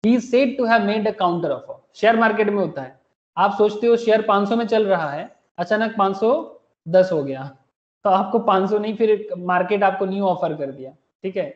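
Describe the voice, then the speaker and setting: A man's voice: high-pitched, normal speed. A man teaching a class, mixing Hindi and English and often asking the students questions. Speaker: commerce teacher. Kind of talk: classroom lecture. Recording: echoey room, muffled lo-fi sound.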